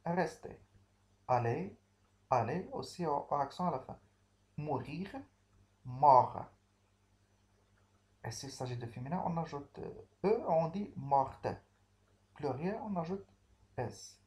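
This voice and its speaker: A man giving a grammar lesson, explaining slowly step by step and spelling out word endings, with occasional hesitations. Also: on the high side, a little mellow. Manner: slow and deliberate, spelling out endings with fillers. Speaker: French teacher.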